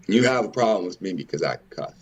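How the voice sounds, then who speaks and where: The host of a religious and historical commentary show, a man with a low voice and lively intonation, rants fast and passionately in an informal style. He leans on repetition, rhetorical questions and swearing.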